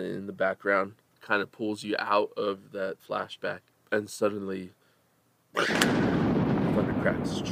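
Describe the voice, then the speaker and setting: A man narrating a tabletop role-playing game as game master, telling the scene dramatically with pauses between phrases. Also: fairly low pitch, a little hiss or hum.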